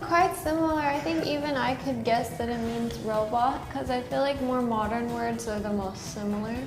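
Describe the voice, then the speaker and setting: An American woman hosting a casual chat comparing words across languages, curious and quick to laugh. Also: a little high. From United States. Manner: giggly and curious. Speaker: host. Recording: echoey room with music behind.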